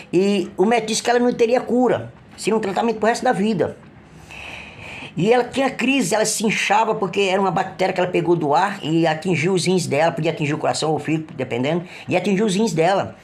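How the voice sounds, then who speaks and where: A middle-aged man with a high voice and a Brazilian Portuguese accent gives an emotional testimony about his personal faith. He speaks haltingly and earnestly, often restarting and letting phrases trail off, and turns pleading when he retells his cries for help.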